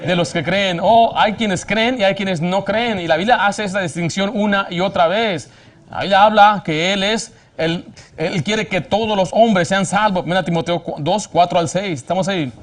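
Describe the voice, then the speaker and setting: A man's voice: high voice, normal speed. A man preaching a sermon fervently, asking rhetorical questions and often restarting his phrases. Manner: frequent restarts and self-corrections.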